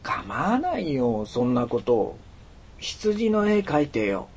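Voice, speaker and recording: A man voicing a small, earnest boy in a storybook reading, speaking in a soft, slow, pleading child's voice. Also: mid-range voice, sing-song, breathy edge, heavily acted. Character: small earnest boy, gentle but insistent.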